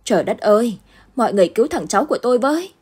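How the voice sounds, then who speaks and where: A woman's voice: mid-range voice, expressive, a little fast, dark tone, slightly rough. A woman reading as a proud wealthy grandmother. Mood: panicked.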